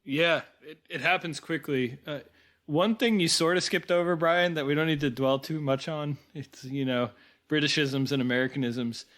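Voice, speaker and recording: A man's voice: on the high side, moderate pace, fairly bright tone. A man co-hosting a film podcast, musing analytically in a casual tone with plenty of "like" and "kind of". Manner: thoughtful, analytical, hedges with "like" and "kind of". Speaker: podcast co-host. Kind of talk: casual film review chat.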